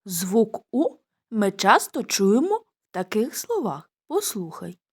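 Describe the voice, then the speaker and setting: A woman teaches a reading lesson to preschool children, her voice gentle and unhurried. Her pitch swoops up and down in a lively, sing-song way as she stretches out the vowels for them to copy. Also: husky. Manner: gentle, addresses children warmly, draws out vowel sounds. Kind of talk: scripted literacy lesson for young children.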